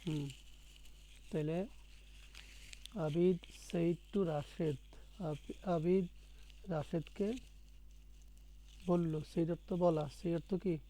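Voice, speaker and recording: A man's voice: a little high, fairly even intonation, drawn-out words, long pauses, mellow, a little hiss or hum, rough recording. A man teaching a one-on-one spoken English lesson, patiently repeating words and quizzing his student.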